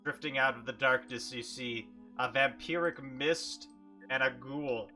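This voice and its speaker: Guy game master improvising narration, bright voice, playful and dramatic, light music behind him. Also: medium pitch, a little slow. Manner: theatrical, playful.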